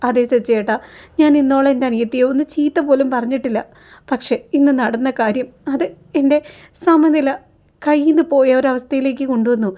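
A troubled young wife from a TV serial pours out an earnest confession, as a woman puts her on. Her voice is mellow and slightly high. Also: fairly quick, close to an everyday voice. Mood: upset.

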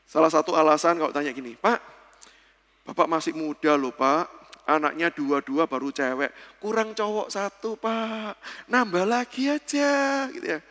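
A man in his thirties giving a church seminar talk as a pastor, telling stories in a lively way and acting out the voices he quotes. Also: fairly high pitch. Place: church hall. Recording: long church-hall reverb.

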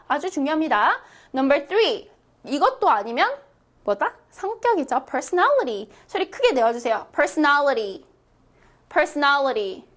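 A young woman teaching an online English lesson, lively and encouraging, reading example phrases slowly for students to repeat. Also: high-pitched. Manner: lively, encouraging, checks in with "right?" often.

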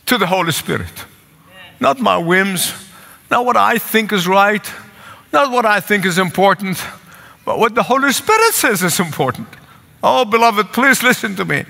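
Older man, Egyptian accent, earnest pleading preacher; high, bright voice; pulpit sermon in a reverberant sanctuary. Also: creaky. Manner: earnest, pleading, repeats phrases for emphasis. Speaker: pastor. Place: large church sanctuary with congregation. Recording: long church hall reverb.

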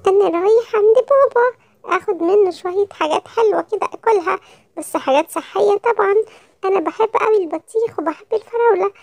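Woman voicing a friendly boy lion cub, Egyptian Arabic accent, earnest, soft mellow tone. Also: very high voice, vocal fry, no echo. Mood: cheerful. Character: cheerful sensible young boy lion cub.

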